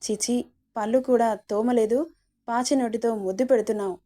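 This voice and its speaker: A woman's voice: a little high, steady tone, normal speed, warm tone, natural voice. A woman voicing a scolding but affectionate young wife in a storybook reading, exasperated and pleading.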